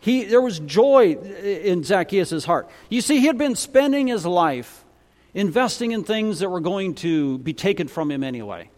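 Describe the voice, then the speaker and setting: Man, fairly high voice, storytelling sermon, dramatic delivery, long reverb of a large hall. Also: darkish tone. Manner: dramatic, acts out dialogue in varied voices. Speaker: preacher.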